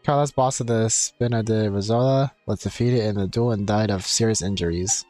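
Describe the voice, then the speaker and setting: A man with a mellow, lowish voice livestreams a game at a moderate pace, chatting casually, rambling and reading the game text aloud. The recording is dry, with game music underneath.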